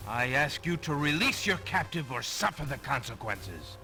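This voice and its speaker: A man's voice: medium pitch, very animated, normal speed. A man playing an earnest, polite young heroic prince in a video game, speaking in a courteous, theatrical way. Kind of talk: video game hero acting. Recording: game audio under music.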